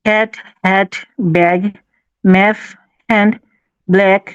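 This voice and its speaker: High-voiced man reading words aloud. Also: flat delivery, a little slow, clean tone, no echo. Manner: reads words aloud in short bursts, answers politely. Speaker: student. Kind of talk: repeating words in an online class. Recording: dull lo-fi online call audio.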